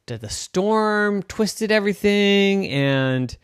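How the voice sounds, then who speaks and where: A scared, confused little girl, as a man puts her on for a bedtime story, squeaky and flustered. Her voice leaps up and down and is recorded close and dry. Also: animated, slow pace, clear, resonant tone, no echo.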